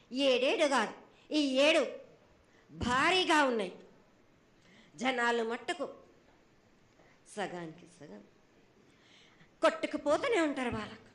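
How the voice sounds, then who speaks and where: A woman's voice: high voice, fairly bright tone. A woman speaking as a goddess in a prophetic trance voice, in short, broken, repetitive phrases, stern and admonishing. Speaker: oracle delivering temple festival prophecy. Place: temple festival.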